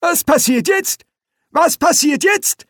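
A shrill, ancient old wizard. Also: expressive, takes it slowly, no echo, studio quality, full character voice. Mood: querulous. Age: older. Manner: querulous, shouting.

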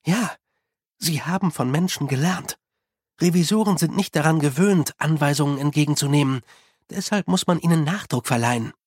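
An audiobook narrator voicing a wise, sly old monk who speaks calmly and matter-of-factly. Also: male voice, a little high, moderate pace, slightly rough, dry recording, clean studio sound. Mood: commanding.

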